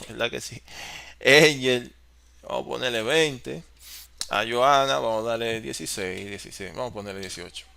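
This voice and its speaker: A man teaching an online class on office software, explaining step by step and answering his own questions. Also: medium pitch, creaky, clear, resonant tone. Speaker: course facilitator.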